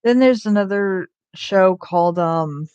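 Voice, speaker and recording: A woman's voice: mid-range voice, unhurried, darkish tone, smooth, dry recording, muffled recording. A young woman in casual, rambling chat, full of ums and restarts, with the odd curse thrown in. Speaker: vlogger.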